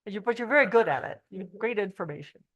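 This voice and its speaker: A woman's voice: mid-range voice, lively intonation, fast, fairly bright tone. A woman on the board making short, encouraging remarks during a public meeting. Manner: encouraging, brief interjections. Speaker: board member.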